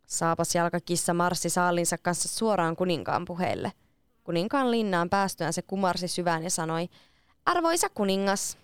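A woman reading a fairy tale aloud in a lively, expressive storybook style. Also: fairly low pitch, clean tone, dry recording, studio quality. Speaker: narrator.

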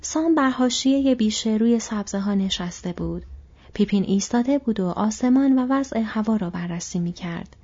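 A woman narrating an audiobook in a soft, whispery reading voice, on a dull lo-fi recording. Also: medium pitch, husky. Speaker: audiobook reader.

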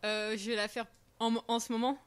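A woman guest on a live stream, answering in a candid, relaxed casual chat. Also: a little high, brisk, smooth.

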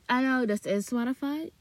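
Her voice sits high, with no room sound, as she reads a novel slowly on her podcast from a small closet. Afterward she chats casually and rambles, repeating words and restarting amid many fillers.

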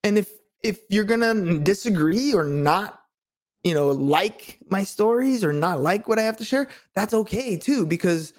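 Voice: mid-range voice, animated, a little slow. A podcast co-host talking casually and motivationally, earnest and rambling, often checking that the listener agrees.

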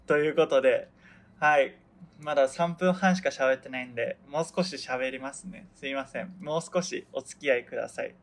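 A man's voice: mid-range voice, normal speed. A young man from Hokkaido, Japan, hosting his own radio show and chatting casually, rambling and often losing his thread. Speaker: podcast host. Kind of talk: casual solo radio chat.

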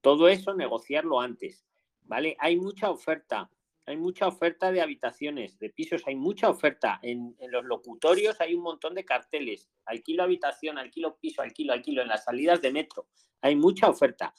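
A man's voice: on the high side, expressive, brisk. A man with a Spain Spanish accent, hosting a live call-in Q&A and giving advice in a chatty way, often repeating himself for emphasis. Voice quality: gravelly. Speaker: asylum advice host.

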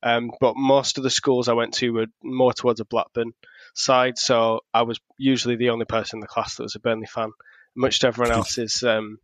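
Man, flat relaxed chat. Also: medium pitch, a little fast, dry recording. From Accrington, England. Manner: relaxed, chatty, with frequent fillers. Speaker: podcast guest. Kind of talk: casual interview chat.

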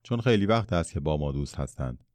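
A blunt, proud factory foreman from a storybook, calling out over the din, as a man puts him on in a reading. The voice is low and dark, with a smooth, resonant tone. It sounds dry and close. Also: animated, no room sound. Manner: shouting over noise, blunt.

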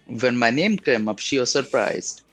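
A young man with an Indian accent telling a story in casual chat, animated and laughing often. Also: mid-range voice, measured pace, husky, no room sound.

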